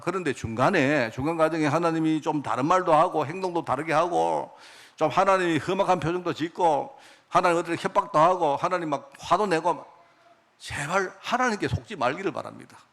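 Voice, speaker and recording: A middle-aged male pastor preaching a sermon. He keeps asking the congregation questions and answering them himself, and he drops to a quiet aside at the ends of phrases. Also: fairly high pitch.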